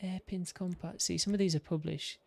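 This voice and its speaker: This gaming streamer is losing his voice as he shows off the builds he made, rambling and cutting himself off in casual commentary. He sounds gravelly and sits high in pitch, keeping a moderate pace and fairly even intonation.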